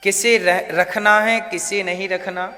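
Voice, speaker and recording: Male preacher, slow and high-pitched, quizzes the crowd then answers himself, echoey hall. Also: steady tone, bright, forceful tone, soft background music. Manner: asks the audience questions and answers them himself. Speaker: religious storyteller. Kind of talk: devotional sermon storytelling.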